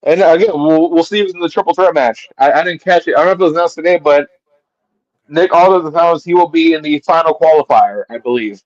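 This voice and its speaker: A man's voice: a little high, fast, no echo. Man recapping wrestling, muffled and dry. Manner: recaps at length, stumbling restarts. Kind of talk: casual wrestling recap chat.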